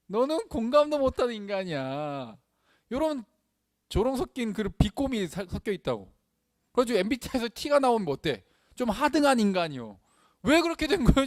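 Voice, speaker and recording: Animated preaching man, lively pitch. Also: no echo, studio quality. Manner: animated, acts out quoted lines in varied voices, chatty asides. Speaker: pastor. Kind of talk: sermon.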